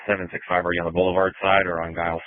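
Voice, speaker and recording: A man's voice: sits low, flat delivery, very fast, dry recording. A male police officer making clipped procedural calls over police radio on a narrowband scanner feed.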